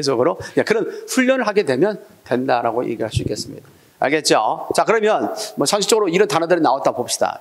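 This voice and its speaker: Male lecturer, middle-aged, slightly high voice, exam-prep class, drills students with call-and-response questions.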